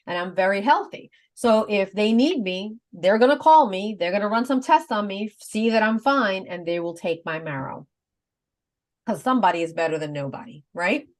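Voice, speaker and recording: A woman's voice: mid-range voice, lively intonation, normal speed. Earnest woman in her fifties explaining. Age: 50s. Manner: earnest, explains step by step, laughs easily. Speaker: guest advocate. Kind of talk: casual explanatory chat.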